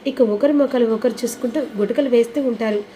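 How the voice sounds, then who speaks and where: A woman narrating a TV serial recap in a brisk, dramatic storytelling manner. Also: fairly high pitch, warm tone, slight background noise, rough recording.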